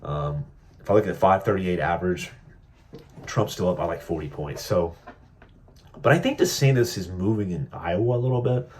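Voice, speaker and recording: A man's voice: low voice, moderate pace, long pauses, darkish tone, a little hiss or hum. A man giving casual political commentary in a vlog, sarcastic and joking, rambling with lots of fillers. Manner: mocking impressions of politicians. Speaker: political vlogger.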